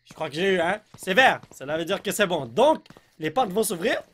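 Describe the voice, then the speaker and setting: A man with a Québécois French accent commentating a game in an excitable, jumpy way. His voice sits high and swings widely up and down, and he blurts out English exclamations whenever something surprises him. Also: normal speed. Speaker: let's play host. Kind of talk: gameplay commentary.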